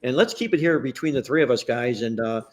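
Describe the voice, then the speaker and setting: Hosting a sports betting podcast roundtable, a man talks fast in a medium-pitched voice, chatty, full of stats, and cracking jokes as he goes. He is losing his voice.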